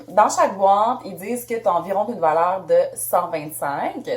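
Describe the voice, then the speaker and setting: A woman's voice: mid-range voice, darkish tone, roomy sound. Bubbly Québécoise woman unboxing makeup. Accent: Québécois French. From Canada. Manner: bubbly, chatty, laughs often. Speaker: beauty vlogger. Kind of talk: casual unboxing chat.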